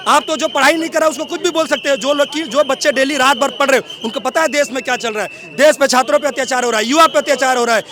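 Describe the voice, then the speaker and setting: A man's voice: extremely high pitch, fast talker, few pauses. A man, a student leader, giving a heated, defiant interview at an outdoor street protest, speaking into a reporter's handheld mic. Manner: heated and defiant, shouting over a crowd. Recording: crowd noise at an outdoor protest. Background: crowd noise.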